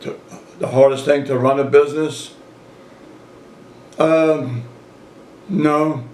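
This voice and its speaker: A man's voice: on the high side, fairly even intonation, slow, a little mellow, a little hiss or hum. A man in his eighties reminiscing casually in an interview, a folksy storyteller who repeats his phrases and quotes people as he goes. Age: 80s. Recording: roomy, echoey home recording.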